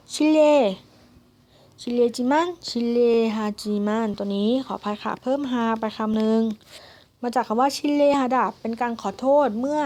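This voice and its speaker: Young female language tutor, slightly high voice, patient and polite, slow step-by-step delivery. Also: darkish tone. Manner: slow, syllable-by-syllable explanation with frequent polite particles. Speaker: Korean language teacher. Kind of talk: spoken grammar lesson.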